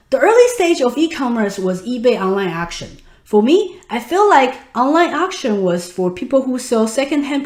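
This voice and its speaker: A Taiwanese woman in her thirties, a native Mandarin speaker with a Taiwanese Mandarin accent, hosts an online webinar. Her voice is on the high side and the room is echoey, and she instructs her audience by speaking to them directly.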